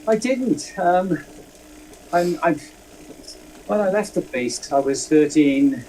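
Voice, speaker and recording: A man's voice: fairly high pitch, animated, slow pace, mellow, rough recording. A man, telling rambling, self-deprecating stories in a casual chat. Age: 60s. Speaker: guest. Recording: faint background noise.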